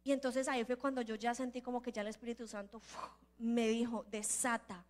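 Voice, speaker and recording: A woman preaching at a church conference, telling a personal testimony in a lively way and acting out the people in her story. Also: a little high, fast. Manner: lively storyteller who acts out the voices in her stories; earnest, building to emphatic declarations. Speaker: prophet and preacher.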